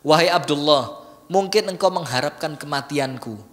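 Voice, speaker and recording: A man voicing a stern, devout older mother urging her son to be brave, in a measured, solemn way. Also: deep voice, voice pushed down, natural voice. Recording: long hall reverb.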